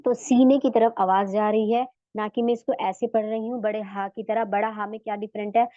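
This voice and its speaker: A woman teaching an online recitation class, explaining patiently and repeating sounds slowly for students to copy. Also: medium pitch, fairly even intonation, no echo, muffled recording.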